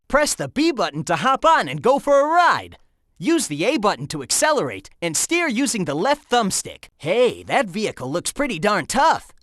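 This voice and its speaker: A man's voice: very high voice, fairly bright tone, no room sound, studio quality, full character voice. A man playing a cocky, upbeat young hedgehog hero, giving breezy, encouraging guidance in a video game. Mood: instructive. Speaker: in-game tutorial guide.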